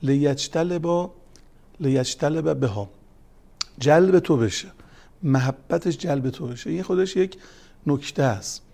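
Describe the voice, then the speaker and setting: Here a man speaks in a fairly high, warm, husky voice with vocal fry. He is a family counselor and religious speaker whose talk threads counseling stories through scripture quotations, his intensity building along the way.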